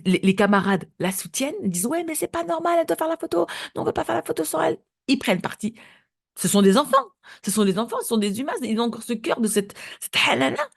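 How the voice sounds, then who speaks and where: Woman host, low and raspy with vocal fry, emotional monologue, drops in Arabic expressions. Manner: animated, repeats words, Arabic religious expressions. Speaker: podcast host.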